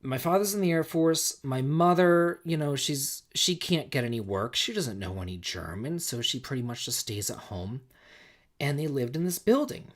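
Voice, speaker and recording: With lively intonation, a medium pitch, and normal speed, a man from the United States in his forties hosts a laid-back livestream. A little tipsy, he tells stories, reads chat, and rambles, repeating himself.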